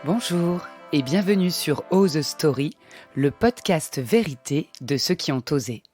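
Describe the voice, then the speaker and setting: A woman with a French accent hosting a podcast, reading a measured scripted intro and then chatting with her guest. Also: low-pitched, lively intonation, over loud music. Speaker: podcast host.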